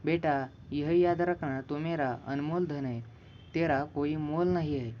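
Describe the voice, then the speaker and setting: A man's voice: a little high, a little slow, highs cut off, a little hiss or hum, close to an everyday voice. A man voicing an anxious, loving mother who pleads with her son through tears. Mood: pleading. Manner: pleading, emotional.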